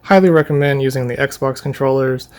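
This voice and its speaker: A man's voice: medium pitch, fairly quick, clean tone. Casual young man touring his bedroom. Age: young adult. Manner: relaxed and rambling, with fillers and light laughs. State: running out of breath. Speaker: YouTuber giving a room tour. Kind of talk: casual room tour vlog.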